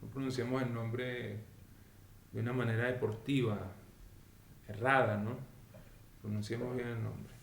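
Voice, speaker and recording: A man's voice: medium pitch, flat delivery, unhurried, creaky, long pauses. A man teaching a weekly Torah lesson in a didactic way, often checking that his listeners follow. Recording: echoey room with faint noise.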